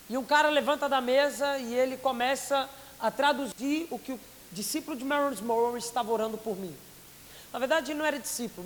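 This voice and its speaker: A young man from Brazil preaching an emotional testimony, swinging between hushed and loud storytelling. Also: extremely high pitch. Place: large conference hall. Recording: echoey hall, faint hiss.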